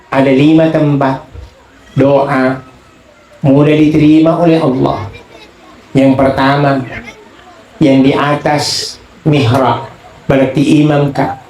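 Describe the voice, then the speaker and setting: A man's voice: medium pitch, echoey room, low-quality recording. A man with a Buginese accent preaching a humorous Islamic sermon, telling stories, acting out voices and chanting prayers. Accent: Buginese-accented Indonesian. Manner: animated storytelling, acts out voices, chants prayers.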